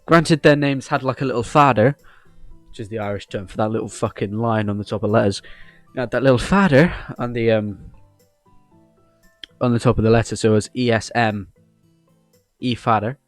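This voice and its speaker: A deep-voiced Englishman who hosts a gaming video channel rambles through a playthrough at normal speed with long pauses, cracking cheeky jokes and reading game dialogue aloud. The recording is dry, with soft music in the background.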